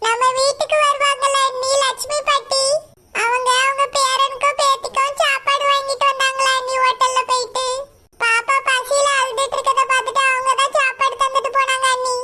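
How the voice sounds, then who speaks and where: A woman's voice: very high-pitched, monotone, brisk, sharp tone, heavily acted. A woman playing a pleading, tearful young mother. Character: poor young mother pleading for her hungry baby. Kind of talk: amateur family drama acting.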